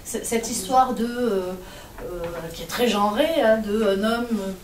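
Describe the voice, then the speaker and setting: A woman moderating a panel discussion, asking lively questions and laughing now and then. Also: on the high side, measured pace. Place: conference room. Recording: echoey room, distant mic, noise.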